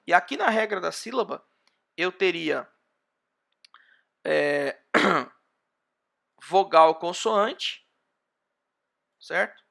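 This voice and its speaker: A man's voice: high voice, expressive, extremely slow, gravelly, pauses often, pushed and bright. A man with a Brazilian accent teaching an online university class, working through an example step by step. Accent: Brazilian Portuguese. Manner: explains step by step, often pointing with "ó". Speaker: university lecturer.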